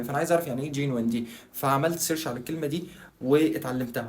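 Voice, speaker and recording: Medium in pitch, with a little background noise behind him, this Egyptian Arabic-accented man makes language-learning videos. His tutorial is relaxed and chatty, addressed right to the viewer, and he asks himself questions only to answer them.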